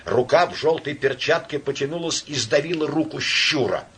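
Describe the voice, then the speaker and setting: A man narrating an audiobook with a lively, dramatic reading. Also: a little high, moderate pace, slight background noise.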